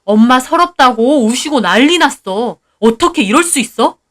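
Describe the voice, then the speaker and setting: A woman's voice: on the high side, big pitch swings, slow pace, sharp tone, exaggerated voice. A woman voicing a defensive, short-tempered young husband who complains in snappish bursts. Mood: exasperated.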